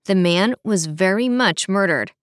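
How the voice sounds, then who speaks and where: A woman voicing a calm, measured male police officer in an audiobook. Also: mid-range voice, no room sound, clean studio sound, lightly acted.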